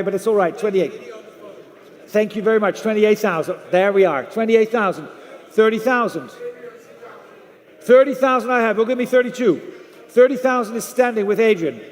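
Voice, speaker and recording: A man working as an auctioneer, calling bids live and repeating numbers over and over. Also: high-pitched. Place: large auction room. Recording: echoey hall through PA.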